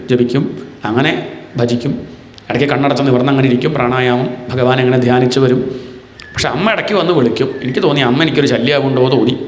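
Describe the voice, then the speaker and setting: A man delivers a devotional discourse, telling the tale as if it happened to him. He drops into slow, drawn-out chanting of verses. His voice rings through a large, echoing hall. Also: medium pitch. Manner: storytelling in first person, slowly chants verses. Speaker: scripture discourse speaker. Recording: reverberant hall.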